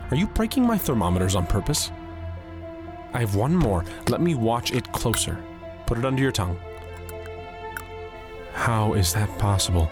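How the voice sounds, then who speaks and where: Casting: proud, irreligious male physician, lower register, brisk and authoritative, dramatized story over clear music. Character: skeptical, proud male doctor, irreligious, increasingly baffled. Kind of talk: dramatized audio story acting. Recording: loud music under the voice.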